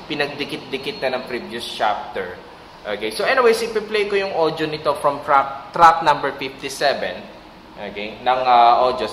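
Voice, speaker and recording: A man's voice: medium pitch, fairly bright tone. A man teaching a casual exam-prep language lesson, sounding tired and tagging his sentences with "no?" while mixing in English. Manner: talks with a tag "no?", mixing English. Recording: echoey room with light hiss.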